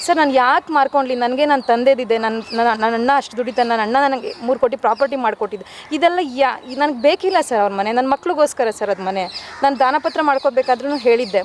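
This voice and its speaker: A woman's voice: on the high side, a little mellow, a little hiss or hum. A woman in her forties, a widow, making a complaint to news reporters in an urgent, pleading way and calling the reporter sir again and again. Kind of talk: news interview statement.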